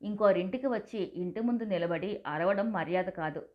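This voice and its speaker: A woman's voice: mid-range voice, normal speed, dull audio, close to an everyday voice. A woman voicing a firm, dignified older mother. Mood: firm, stern. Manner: firm, stern.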